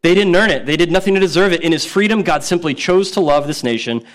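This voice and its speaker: A man in his thirties preaches in a relaxed, talkative way, with a voice that sits somewhat high. He leans on repeated words like "no, no, no" for emphasis and slips into character voices when quoting. The tone stays conversational throughout. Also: fast talker. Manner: casual and conversational, acts out quotes. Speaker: pastor. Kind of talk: sermon.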